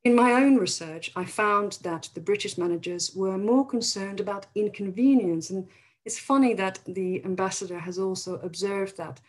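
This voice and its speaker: Dutch woman academic, lowish husky voice, webinar talk with fillers. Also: darkish tone, low-quality recording. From Netherlands. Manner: thoughtful, explanatory, with frequent fillers. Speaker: academic presenter. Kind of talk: webinar presentation. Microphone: video call.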